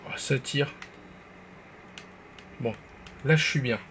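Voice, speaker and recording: A man streaming a game live, talking to himself, jumping between hushed nervous murmurs and loud excited outbursts. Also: mid-range voice, slow pace, slight background noise. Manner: jittery, talks to himself, whispers when nervous. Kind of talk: live gameplay commentary.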